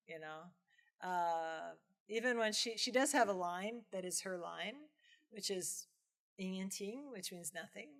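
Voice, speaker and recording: At a film screening lecture venue with an audience, a woman professor with a medium-pitched voice takes questions in an informal film lecture. She talks conversationally, giving animated retellings with acted-out asides and frequently checking in with "right?"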